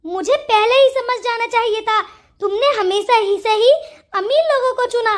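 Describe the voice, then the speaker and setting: A woman's voice: very high voice, moderate pace. A woman voicing an angry young ex-wife in a Hindi cartoon story, blunt and accusing. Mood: scolding. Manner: scolding, accusing.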